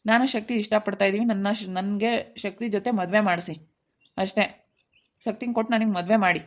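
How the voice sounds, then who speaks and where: A woman's voice: medium pitch, fairly even intonation, a little fast, slight background noise, natural voice. A woman playing a defiant young man in love who argues back insistently, in an amateur family skit.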